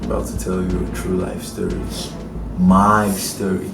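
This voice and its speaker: An actor playing a menacing, unhinged male captor who taunts, laughs and bursts into shouting. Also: low-pitched, little pitch movement, normal speed, creaky, background noise. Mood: mocking. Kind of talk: low-budget drama acting. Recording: echoey room from far off with music.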